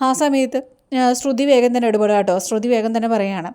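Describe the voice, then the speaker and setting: A woman's voice: a little high, clean tone. A woman retelling a TV serial episode, acting out each character's quarrelsome lines. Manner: fast, animated retelling with frequent fillers.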